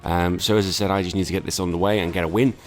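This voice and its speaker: A man's voice: low voice, steady tone, very fast. A tired man recovering from illness, casually commentating a Pokemon battle with lots of fillers and self-corrections.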